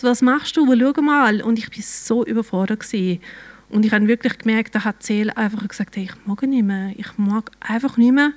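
A woman with a Swiss German accent sharing a personal faith testimony in church, emotional and halting, sometimes dropping to near-whispers. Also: medium pitch. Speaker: church member giving testimony.

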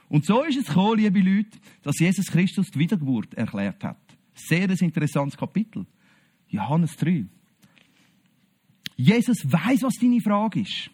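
Animated Swiss German preacher. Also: male voice, high voice, slightly rough. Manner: animated, acts out the Bible scenes in quoted voices. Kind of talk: sermon.

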